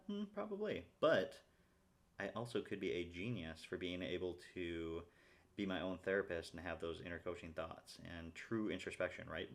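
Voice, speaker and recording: A man's voice: deep voice, a bit bright. A young man talking casually to his viewers in a rambling monologue, often checking in with "right?". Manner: rambling, peppers sentences with "right?". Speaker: vlogger.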